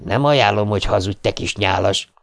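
A man narrating an audiobook voices a menacing teenage bully who shouts threats in a gravelly voice. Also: fairly low pitch. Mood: threatening. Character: brutal bully teen boy, snarling threats.

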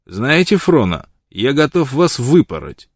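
Storybook figure: loud blunt old woodsman, read by a man, dry close sound. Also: mid-range voice, animated, a little fast, dry recording, lightly acted. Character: gruff old frontiersman, blunt and devoted.

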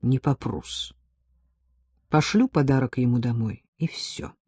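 A woman reading the part of a timid young woman who hesitantly, apologetically asks a friend for a favor, in a soft, husky, dry voice. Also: extremely low pitch, measured pace, dry recording, heavily acted. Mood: dejected.

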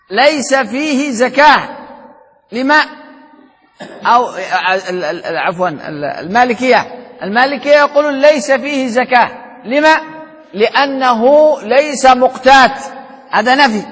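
High-voiced man teaching in a reverberant hall. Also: a bit bright, breathy edge. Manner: asks rhetorical questions and answers them himself; repeats key points for emphasis. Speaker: Islamic jurisprudence teacher. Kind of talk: classroom lecture explaining a text.

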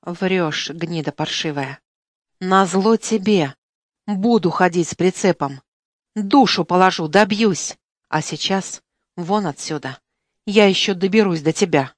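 A proud, hot-tempered young truck driver, read by a woman, speaking low and clipped with contempt. The voice sits a little deeper and quieter than the narration, in a dry, close recording. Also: a little slow, dry recording. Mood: angry.

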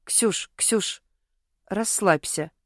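A woman voicing a drunk, pushy young man who talks in a low, hushed, coaxing murmur, in an audiobook. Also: drawn-out words, no echo, studio quality. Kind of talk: audiobook character voice.

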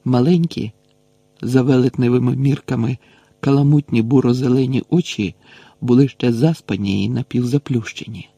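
Dark, gravelly male audiobook narrator. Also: mid-range voice, normal speed, no echo.

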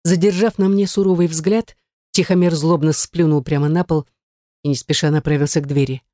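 A woman reading a first-person novel aloud in a dramatic, expressive way, close to the mic. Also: low voice, brisk, no echo. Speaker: audiobook narrator.

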